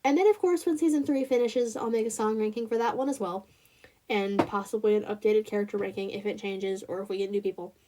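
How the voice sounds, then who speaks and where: A woman's voice: medium pitch, fairly quick, dark tone. A woman with a Southern US accent hosting a casual review vlog, rambling with lots of fillers and restarts and talking straight to her viewers. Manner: chatty, addresses viewers directly. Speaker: channel host.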